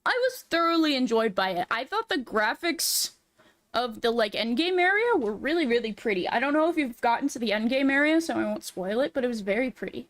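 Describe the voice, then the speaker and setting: A woman hosting a casual livestream, chatting in a cute, animated anime-streamer way with drawn-out words. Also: a little high, dry recording. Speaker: VTuber livestream host. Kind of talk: casual livestream chat while drawing.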